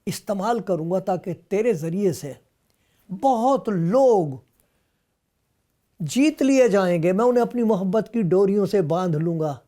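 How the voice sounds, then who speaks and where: Man preaching a sermon, mellow voice. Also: high voice, expressive. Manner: storytelling, acting out dialogue between Jesus and Peter. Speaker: pastor.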